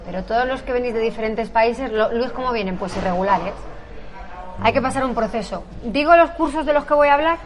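A woman chats casually on a live stream. Her voice sits a touch high, and she reads long lists aloud with a light, self-deprecating manner. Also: fairly quick. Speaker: co-host.

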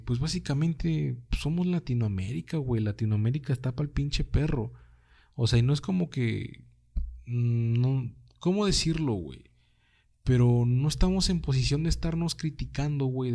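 A man's voice: mid-range voice, unhurried, dark tone. A young man with a Mexican accent, hosting a casual solo podcast and talking in slangy, swear-heavy speech. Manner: slangy, swears freely, says "güey" constantly. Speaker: podcast host.

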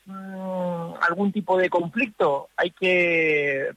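A man speaking as a psychologist guest on a radio show from a parked car, thoughtful, with pauses and restarts. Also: high voice, pushed and bright, dry recording, lo-fi sound. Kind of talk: explanatory radio talk.

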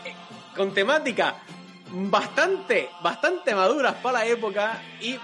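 A man with an Andalusian accent in a casual group chat, giving an excited, rambling speech. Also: high voice, measured pace, soft background music.

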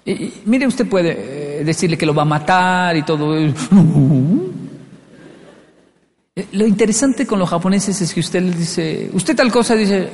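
Male speaker, high-pitched, animated storyteller doing voices, live talk in a reverberant hall. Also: moderate pace, hardly any pauses. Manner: animated storyteller, acts out dialogue with playful voices. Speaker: speaker on leadership.

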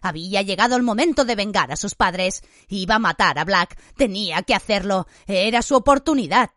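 A woman narrating an audiobook in an expressive, vivid reading style. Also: mid-range voice, a little fast, dry recording, studio quality.

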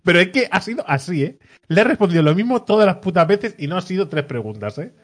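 Animated man telling a story. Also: sits high, fast talker. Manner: animated storyteller, mimics voices of people in the queue. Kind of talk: casual chat, anecdote telling.

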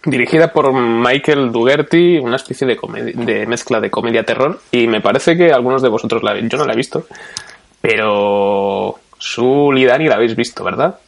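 A man with a Spain Spanish accent hosting a film podcast, relaxed and putting questions to the others. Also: medium pitch, moderate pace, creaky. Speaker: podcast host.

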